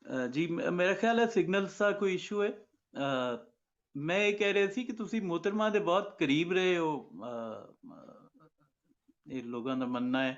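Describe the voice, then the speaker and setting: A man's voice: sits high, expressive. A man with a Punjabi accent interviewing over a video call, his voice breaking up and cutting out on a bad connection, hesitant with long fillers. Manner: hesitant, many drawn-out fillers. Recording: dull lo-fi call audio.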